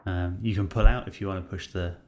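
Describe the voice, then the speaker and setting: A man co-hosting a casual gaming podcast, relaxed and hedging as he steers the talk. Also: sits low, fast. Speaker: podcast co-host.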